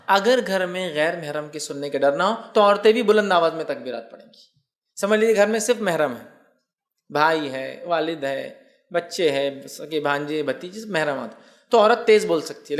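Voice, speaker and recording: A man giving a religious lecture, slowly explaining points, reciting Arabic phrases and urging his listeners with repeated reminders. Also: fairly high pitch. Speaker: Islamic preacher.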